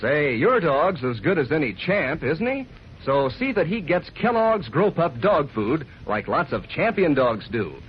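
A man's voice: a little high, sing-song, a little slow, slight background noise. An American man announcing 1940s radio commercials for children as a folksy, enthusiastic salesman. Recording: muffled old radio broadcast, faint music.

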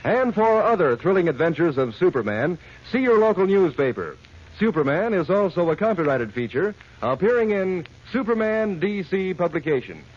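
Male old radio announcer and pitchman. Peppy, swooping delivery, slightly muffled vintage broadcast sound. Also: sing-song, moderate pace, breathy edge. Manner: peppy salesmanlike. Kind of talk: 1940s old radio announcer, scripted advertising. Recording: dull old radio recording.

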